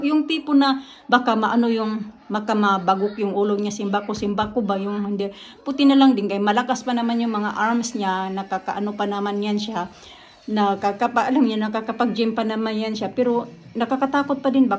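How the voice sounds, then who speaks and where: A woman from the Philippines, a family vlogger, telling a story in casual chat and often talking straight to her viewers. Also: medium pitch. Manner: chatty storytelling, often addresses viewers directly.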